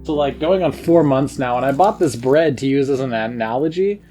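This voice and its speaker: A man's voice: mid-range voice, moderate pace, warm tone, faint music behind. A man giving an earnest film critique commentary, with sarcastic asides. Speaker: video essayist.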